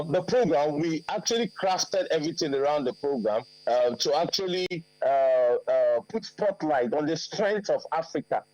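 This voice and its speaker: A man's voice: fairly high pitch, mellow, dry recording, poor audio. A man answering questions as a guest on a TV news interview, emphatic, repeating key points with many fillers. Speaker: forum organizer guest.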